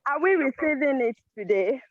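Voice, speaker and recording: A woman's voice: sits high, expressive, no echo, narrow, tinny audio. A woman attending a course, effusively thanking the instructor over a video call and blessing him, stumbling over her words. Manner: effusive, grateful, halting, prays blessings. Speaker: course participant.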